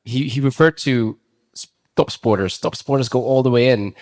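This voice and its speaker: A man's voice: mid-range voice, moderate pace, a little mellow. A man talking conversationally and anecdotally in a casual panel discussion.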